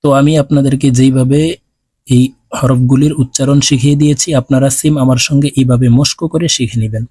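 A man with a Bangladeshi Bengali accent, teaching Quran letter sounds by slowly chanting syllables and then explaining them plainly. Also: medium pitch, fairly even intonation, mellow, slightly rough, dry recording. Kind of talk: slow drilled recitation lesson.

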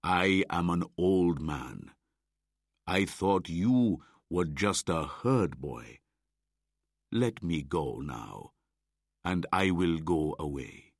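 Brief: bullying old village hunter read by a male narrator, husky, deep, blustering. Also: animated, extremely slow, no room sound, studio quality, heavily acted. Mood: pleading. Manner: loud, blustering. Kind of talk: audiobook character voice.

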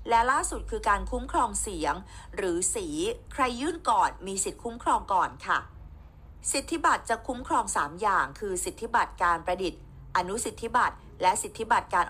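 Woman, news voice-over, scripted narration, bright clear tone, steady explanatory read, polite phrasing. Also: medium pitch. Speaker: news reporter.

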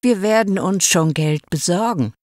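A woman voicing an eager, bossy tall puppet in a read-aloud fairy tale, in a lively, raised voice. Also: lowish voice, normal speed, dry recording, clean studio sound, pitched above the performer's own voice, close to an everyday voice. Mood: restless, eager. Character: cheeky restless tall male puppet.

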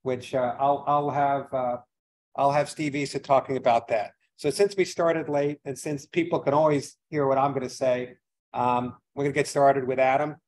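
A man's voice: mid-range voice, steady tone, moderate pace, a little mellow, rough recording. Rambling man hosting a seminar. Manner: rambling, self-deprecating, many fillers. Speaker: seminar host, financial advisor. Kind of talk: casual opening remarks at a seminar. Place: event venue with a live audience.

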